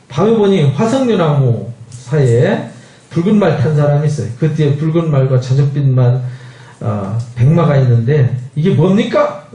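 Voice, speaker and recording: A male pastor giving a lively Bible lecture, acting out dialogue with laughs and rhetorical questions. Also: on the high side. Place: church hall. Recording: echoey hall, voice from a distance.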